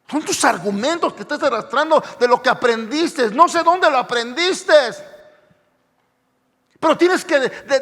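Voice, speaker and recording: A man delivers an emphatic sermon, calling out to his congregation again and again. His voice sits very high and carries a gravelly rasp. The sound rolls around a reverberant church hall. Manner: emphatic, repeats "hermano", rising to shouts. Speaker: pastor. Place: church sanctuary.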